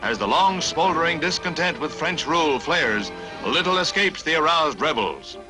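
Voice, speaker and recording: A man voices a 1950s newsreel in a dramatic, punchy announcer style, his voice sitting on the higher side. He tosses in wry one-liners between the stories. A strong music bed plays clearly under his voice. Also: animated, normal speed, low-quality recording. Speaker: newsreel narrator.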